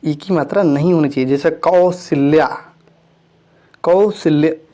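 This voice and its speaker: A man's voice: a little high, slow, mellow. A male teacher giving an exam-prep lesson, reading out correct and incorrect spellings, repeating each word twice and correcting himself as he goes. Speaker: Hindi grammar teacher.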